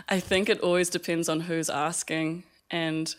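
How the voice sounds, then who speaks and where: A man's voice: on the high side, flat delivery, slow pace, fairly bright tone, clear, resonant tone. A young man from Fiji, talking reflectively as an artist guest in a casual interview, with many fillers and laughs.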